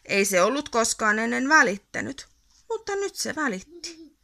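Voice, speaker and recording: A woman reading a picture book aloud as a bedtime story, expressive and playful. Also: a little high, creaky.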